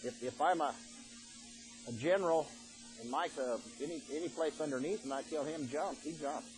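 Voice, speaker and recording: A man's voice: a little high, moderate pace, over music, low-quality recording. An older man preaching a sermon in a folksy, plain-spoken way, reading scripture aloud and then explaining it.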